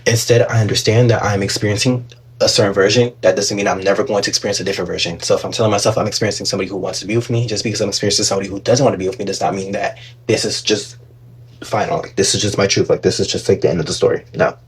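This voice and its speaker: A man's voice: on the low side, steady tone, racing, breathy edge. A man giving casual manifestation advice on a live stream, reading viewer comments aloud and answering them in a chatty way full of fillers, into a phone.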